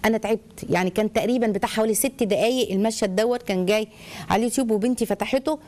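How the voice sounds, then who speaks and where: A middle-aged woman with an Egyptian accent, giving family advice on a live call-in show in an animated way. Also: on the high side, rapid-fire. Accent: Egyptian Arabic. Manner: animated, acts out shouting voices in stories. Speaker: family counselor answering viewers.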